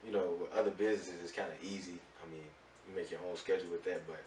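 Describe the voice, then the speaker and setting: Deep fast-talking man, music manager. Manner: rambling, relaxed, filler-heavy. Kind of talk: casual interview chat. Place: radio studio. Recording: roomy distant mic with faint noise.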